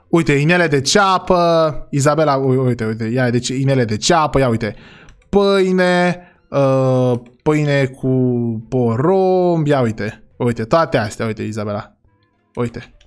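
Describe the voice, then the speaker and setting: A young man hosting a comic family role-play over a game, exasperated and often talking straight to his viewers. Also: medium pitch. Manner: exasperated, keeps sighing to God and talking to viewers. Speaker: gaming channel host.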